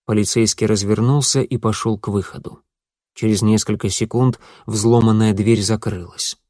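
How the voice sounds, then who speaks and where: Male audiobook narrator, even and measured, dry close sound. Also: on the low side, dry recording.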